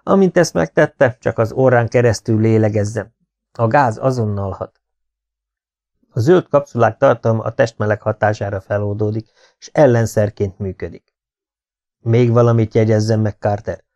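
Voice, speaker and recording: Brisk practical male conspirator read by a male narrator, earnest, low gravelly tone. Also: darkish tone, close to an everyday voice. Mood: instructive.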